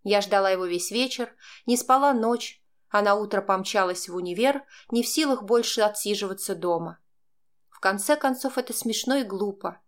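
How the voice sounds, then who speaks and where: Woman reading a tense first-person story. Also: medium pitch. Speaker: narrator. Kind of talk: first-person audiobook narration.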